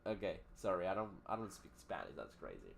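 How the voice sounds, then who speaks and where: A man's voice: deep voice, big pitch swings, moderate pace, gravelly. Man teaching English on a live stream. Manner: switches between Spanish and English, explains pronunciation with hesitant fillers.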